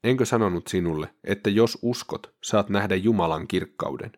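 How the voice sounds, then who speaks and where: A calm and earnest male teacher speaks in a very deep, even voice, as a man reads him aloud from scripture. The sound is close and dry. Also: no room sound, close to an everyday voice.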